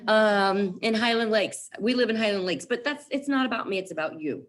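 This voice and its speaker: A woman's voice: medium pitch, a little fast. A middle-aged woman giving an upbeat, emphatic sales training talk in a training room, leaning on repeated catchphrases. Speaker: real estate team leader and trainer.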